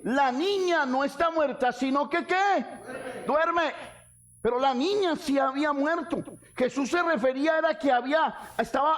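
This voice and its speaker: A man preaching a sermon as pastor, asking the congregation questions and swinging from soft low lines to shouted ones.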